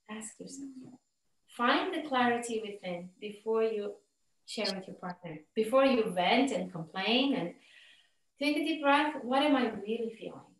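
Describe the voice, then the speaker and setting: An animated woman coach talks as a podcast guest, slipping into little acted-out scenes. Her voice sits fairly high. She sounds a bit distant from the mic in an echoey room. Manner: animated, acts out everyday scenes. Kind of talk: podcast interview.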